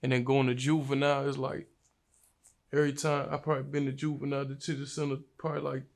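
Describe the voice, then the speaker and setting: A man's voice: medium pitch, flat delivery, fast. A young man from Virginia, a rapper, telling his life story in a casual, slangy interview. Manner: laid-back, slangy storytelling.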